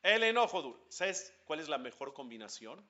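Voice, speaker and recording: A man, a rabbi giving a lively religious class, questioning his listeners and chanting Hebrew prayer lines. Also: a little high, moderate pace, dull audio.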